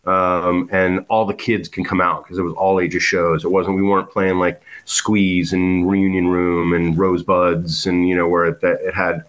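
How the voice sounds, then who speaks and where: A man's voice: low-pitched, little pitch movement, moderate pace, few pauses, fairly bright tone. A man, a guest musician telling stories in a casual interview, rambling with many fillers and restarts. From South Florida.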